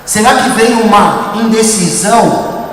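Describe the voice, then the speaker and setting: A man with a Brazilian Portuguese accent preaching a sermon with sudden emphatic shouts, acting out the words of the people in his stories. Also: high voice, unhurried. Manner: emphatic, bursts into shouts, acts out dialogue. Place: church hall. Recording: echoey hall, mic far off.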